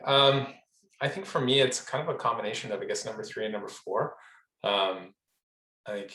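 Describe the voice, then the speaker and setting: A man's voice: on the low side, normal speed, pushed and bright, reverberant, poor audio. A man taking part in an online workshop discussion, speaking reflectively and hesitantly with frequent ums, over a video call. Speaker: program participant.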